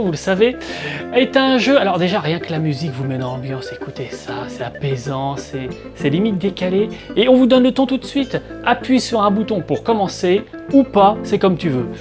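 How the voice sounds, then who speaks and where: A man's voice: fairly high pitch, animated, moderate pace. Playful man hosting a gameplay show. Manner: playful, chatty, talks straight to the viewers. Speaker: video game show host. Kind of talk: gameplay commentary voice-over. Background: soft game music.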